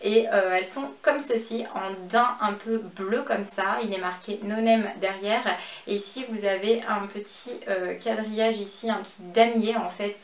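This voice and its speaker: A French woman chatting through a fashion and beauty haul at home, with many fillers and a slow pace over each item. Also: mid-range voice, fairly even intonation. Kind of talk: casual haul vlog. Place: home office and makeup room. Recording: echoey room, faint background noise.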